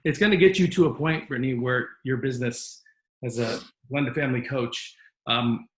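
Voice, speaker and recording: A man's voice: mid-range voice, fairly bright tone, roomy sound, low-quality recording. A man hosting a podcast interview, talking in an earnest, rambling, encouraging way. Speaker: podcast host. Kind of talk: casual interview talk.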